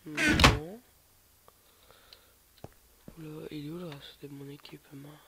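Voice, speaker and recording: A young gamer with a stuffy cold rambles through casual let's play commentary, slowly, in a fairly high voice with big pitch swings. He hesitates a lot, with many fillers and restarts, and his home mic picks up loud background noise.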